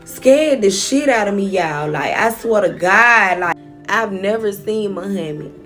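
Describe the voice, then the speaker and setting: A woman's voice: medium pitch, expressive, measured pace, fairly bright tone, faint music behind. A young woman vlogger telling a personal story straight to her viewers, frank and often profane.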